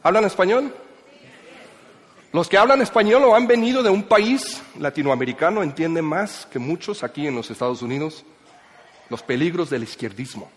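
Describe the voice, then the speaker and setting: A fast, expressive man raised in Mexico and Ecuador speaks emphatically to a live audience, his impassioned delivery lurching between loud and quiet. His pitch is a bit higher than the typical male voice, and a long hall reverb lingers after every phrase.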